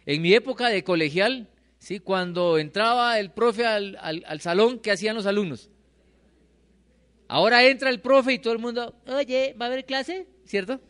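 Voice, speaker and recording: A man's voice: high-pitched, a bit bright, long reverb tail. A middle-aged man preaching a sermon, asking his congregation questions and answering them himself. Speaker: pastor. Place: church hall.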